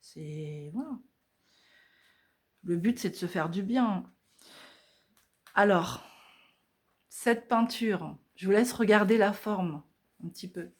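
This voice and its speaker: A woman's voice: medium pitch, slow pace, pauses often. A woman vlogger talking casually through her art journal pages at home, chatty and hesitant, with many fillers.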